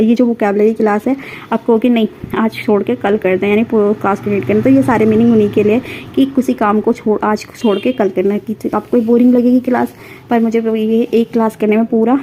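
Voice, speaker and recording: A woman's voice: on the high side, warm tone, slight background noise, rough recording. A woman teaching vocabulary in a casual recorded class, running through word lists with fillers and self-corrections.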